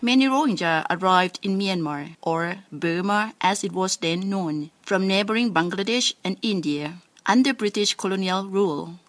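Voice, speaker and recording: A woman radio reporter narrating a scripted news report in a calm, even way. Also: mid-range voice, normal speed, hardly any pauses, no echo.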